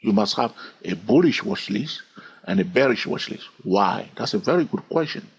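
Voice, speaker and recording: A trading instructor teaches a swing trading lesson over a screen recording, animated and repetitive, constantly checking in with "all right?" His voice sits on the low side, creaky and husky, at a moderate pace, and the audio is dull.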